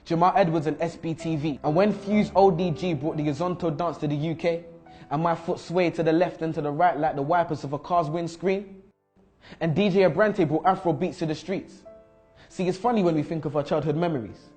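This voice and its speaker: Young man acting a bold student, rhyming, higher-pitched. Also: fairly quick, a little mellow, faint music behind, close to an everyday voice. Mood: proud, insistent. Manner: rhyming, rhetorical, insistent. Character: bold, frustrated male school student challenging his teacher. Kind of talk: spoken-word poetry monologue.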